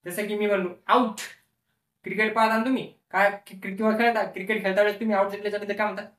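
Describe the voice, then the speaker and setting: A man's voice: sits high, flat delivery, racing, a bit bright. A male teacher explaining a lesson, repeating each word several times and asking the class questions that he then answers himself. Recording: echoey room, voice from a distance.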